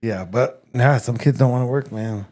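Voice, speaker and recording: A man co-hosting a podcast in casual chat, mostly chiming in with quick agreements and short remarks. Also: medium pitch, darkish tone. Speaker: podcast co-host.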